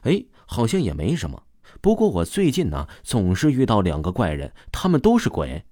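A man's voice: fairly low pitch, wildly swooping pitch, moderate pace, dark tone, no room sound, clean studio sound. A man voicing a young male swimmer in a storybook reading, tentative and probing.

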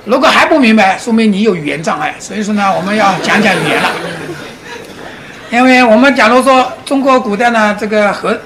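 A man giving a public lecture, animated, often asking his audience rhetorical questions and chuckling as he explains. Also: high voice, normal speed, pauses often, a loud crowd, very noisy. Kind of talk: public lecture on Chinese classics and Zen.

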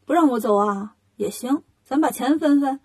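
A woman voicing a clever, cocky monkey king in a storybook reading, speaking briskly and teasingly. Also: high-pitched, a little mellow, slightly rough.

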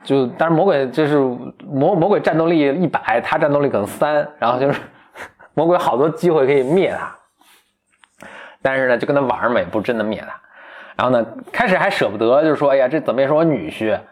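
Animated man retelling a story. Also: mid-range voice, a little fast. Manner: animated, laughs often, acts out characters. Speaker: podcast co-host. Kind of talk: casual storytelling chat.

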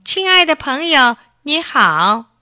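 A woman's voice: sing-song, slow, studio quality, exaggerated voice. Woman voicing a mimicking mountain echo boy. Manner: repeats lines, loud and high.

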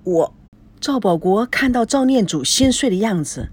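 A woman's voice: on the high side, animated, normal speed, a little mellow, breathy edge. A woman narrating a novel aloud in a dramatic storytelling manner.

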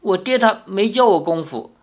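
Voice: mid-range voice, expressive, normal speed, pitched above the performer's own voice, lightly acted. A reader voicing a naive young man who answers earnestly and stammers when embarrassed. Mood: flustered.

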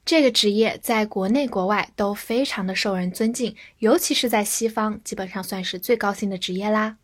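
A woman teaching English vocabulary in a scripted lesson, speaking slowly and clearly and spelling out each word letter by letter. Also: mid-range voice.

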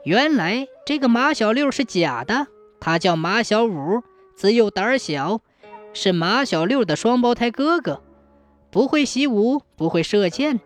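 A storyteller narrating a folk tale in a scripted, expressive manner. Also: medium pitch, unhurried, faint music behind.

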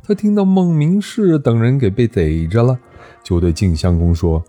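A man's voice: medium pitch, lively intonation, moderate pace, dark tone, soft background music. A man telling an ancient history story, narrating with animation and voicing every character.

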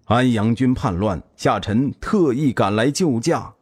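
A man's voice: mid-range voice, animated, unhurried, a little mellow, husky, dry recording, clean studio sound. A man voicing a court noble who speaks formally and deferentially.

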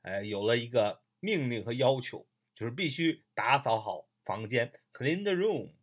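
Brief: animated language teacher, pitch swinging up and down, repeats phrases slowly with drawn-out "ah"s, audio lesson. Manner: explains in Chinese, repeating English phrases slowly, with frequent "ah" fillers. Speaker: English teacher. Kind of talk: recorded audio vocabulary lesson.

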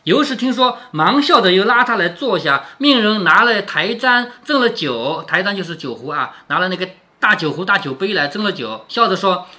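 Lively man explaining a classic novel. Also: sits high, moderate pace, hardly any pauses. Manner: explains each passage, often asks "right?" to the listener. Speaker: reader and commentator of a classic novel. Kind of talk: reading aloud with explanation.

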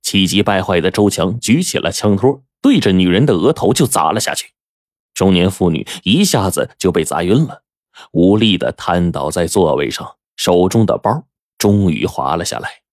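A man's voice: moderate pace, no echo, studio quality. A man telling a dramatic story aloud, acting out the characters with big swings in his voice. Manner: animated, acts out characters' lines with sharp pitch jumps.

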